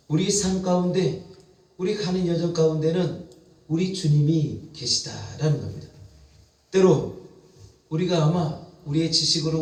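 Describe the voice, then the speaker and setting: Male pastor, higher-pitched voice, storytelling sermon delivery, mic set back in a reverberant church. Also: darkish tone, recorded from a distance. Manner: vivid retelling with repeated phrases. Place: church sanctuary.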